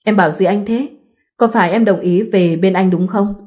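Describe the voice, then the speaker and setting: A man's voice: high-pitched, moderate pace, a little mellow, lightly acted. A woman voicing a whiny lovesick village man. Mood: eager. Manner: whiny pleading.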